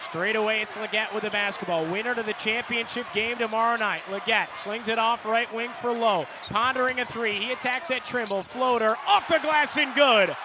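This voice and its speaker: An American radio announcer with a very high voice calls a basketball game live from courtside in a large indoor arena. Clipped and energetic, he builds to excited calls on big plays as loud court noise and the bounce of the ball carry on behind him.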